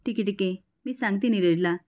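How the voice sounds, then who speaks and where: A woman reading as a scheming smooth-talking woman. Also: medium pitch, fast talker, dark tone, natural voice. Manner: read out within a plain recap.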